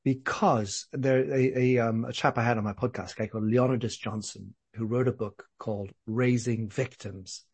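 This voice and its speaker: Husky man with a posh English accent. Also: medium pitch, steady tone, a little mellow. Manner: thoughtful, measured, some repeated words. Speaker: podcast guest. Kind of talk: conversational storytelling.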